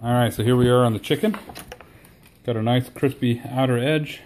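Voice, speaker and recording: A man's voice: medium pitch, normal speed, a little hiss or hum. Enthusiastic man at his backyard grill. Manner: relaxed and enthusiastic, many fillers. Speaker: home cook reviewing his new smoker. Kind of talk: casual talk to camera. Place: outdoors at home by the grill.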